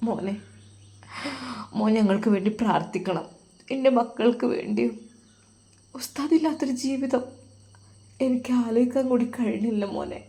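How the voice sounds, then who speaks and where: A woman's voice: mid-range voice, moderate pace, long pauses, roomy sound, natural voice. Woman voicing a tearful grieving wife. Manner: soft, pleading, near tears.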